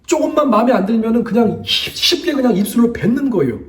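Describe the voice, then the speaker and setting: A male pastor delivers a sermon in a high, lively voice that climbs and falls widely. He presses his points with rhetorical questions and repetition. The sound was picked up from a distance from the mic. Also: quick pace. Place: church.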